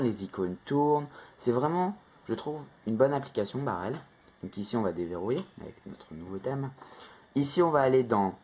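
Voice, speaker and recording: A man's voice: lowish voice, a little mellow, husky. A man hosting a casual phone tutorial, rambling and correcting himself often with lots of fillers. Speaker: tech tutorial host. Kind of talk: casual screen-recorded tutorial.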